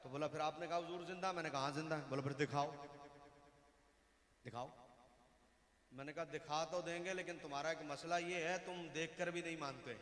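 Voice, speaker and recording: A male preacher delivering a fiery sermon, swinging between shouted exclamations and hushed storytelling, sometimes singing devotional refrains. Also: a little high, fairly even intonation, normal speed, pauses often. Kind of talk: fiery religious sermon with chanting. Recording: echoey hall with long reverb.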